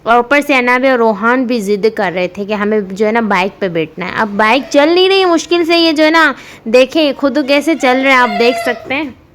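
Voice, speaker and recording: A young mother narrates her family vlog as a loose, chatty voice-over. She rambles through filler words and keeps breaking into giggles, and her voice sits a little high. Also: animated, moderate pace, slight background noise.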